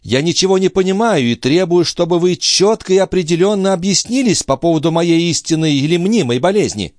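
In this audiobook, an indignant young noblewoman, voiced by a man, flings out high, strained protests with a lively rise and fall. The voice sits well above a man's usual register. The reading is dry and close. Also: brisk, no echo. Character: proud young woman, indignant and defiant.

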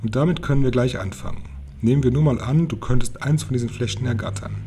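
A man reading aloud, voicing a kindly old grandmother who speaks gently and lovingly. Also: medium pitch, fast talker, husky. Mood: eager.

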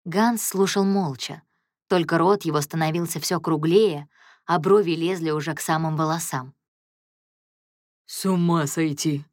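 A woman reads a novel aloud in a slightly low voice. She switches into the characters by lifting her pitch and pushing louder. The sound is close and dry, with no room around it. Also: normal speed, no room sound. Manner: lively, voices characters by raising pitch and volume. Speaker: audiobook narrator. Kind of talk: audiobook reading with character voices.

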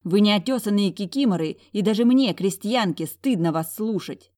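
A woman's voice: medium pitch, lively intonation, normal speed, warm tone, voice pushed up, natural voice. A woman voicing a blunt, angry young peasant woman in a storybook, with a fierce, growling delivery. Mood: furious.

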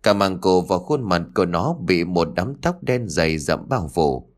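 A man narrating a story in an expressive, dramatic way. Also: low voice, a little slow. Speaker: audiobook narrator.

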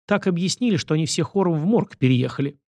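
A man's voice: fairly high pitch, animated, quick pace, darkish tone, no echo, pitched above the performer's own voice. A man voicing a playful teasing woman. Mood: teasing, curious.

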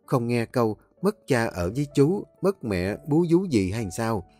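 A man's voice: sits high, expressive, brisk, faint music behind, pitched above the performer's own voice. A man voicing a worried, pleading middle-aged mother. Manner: pleading, anxious.

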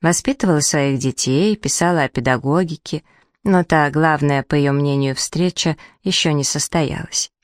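A woman reading a story aloud in a gentle, unhurried audiobook manner. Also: low voice, no room sound, studio quality. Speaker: reader.

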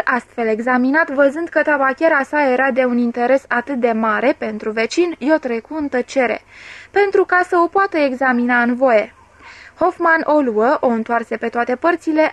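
A woman narrating a literary audiobook in a measured, even way, recorded close on the mic. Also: high voice, no echo. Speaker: audiobook reader.

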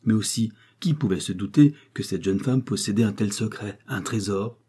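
A man narrating a novel as an audiobook in a measured, even storytelling manner. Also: on the low side, breathy edge.

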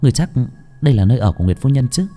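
A man's voice: medium pitch, expressive, rapid-fire, dark tone, faint music behind, close to an everyday voice. A man voicing a stern, commanding young noblewoman who speaks coldly and mockingly. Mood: formal.

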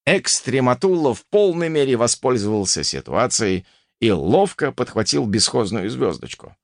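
Male audiobook narrator, vivid first-person storytelling, animated range, dry booth sound. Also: medium pitch, normal speed, creaky, dry recording.

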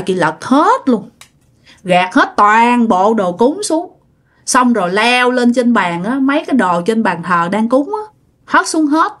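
A woman's voice: fairly high pitch, fairly bright tone. A woman telling a ghost story in a chatty way, often addressing her listeners directly. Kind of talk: spoken ghost story narration.

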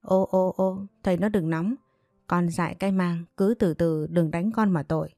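Woman reading a soft-spoken worried village mother. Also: fairly low pitch, fairly even intonation, moderate pace, no room sound, studio quality, natural voice. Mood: pleading. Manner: soft, pleading. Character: gentle worried village mother, middle-aged.

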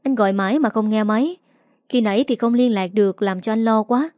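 A woman's voice: fairly high pitch, a little fast, darkish tone, no room sound, studio quality, natural voice. A woman reading the lines of a worried middle-aged husband in an audiobook story, barely changing her voice. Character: gruff older husband, worried and demanding.

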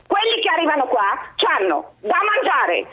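A middle-aged woman calling in to a radio show over the phone, ranting angrily and swearing as she shouts over the hosts. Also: high voice, wildly swooping pitch, moderate pace. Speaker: caller. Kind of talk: call-in radio rant. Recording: muffled phone line.

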